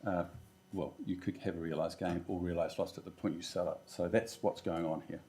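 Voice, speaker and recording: Man, New Zealand accent, very deep, mellow tone, plain-spoken explainer. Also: steady tone, fairly quick. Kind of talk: explaining at a meeting.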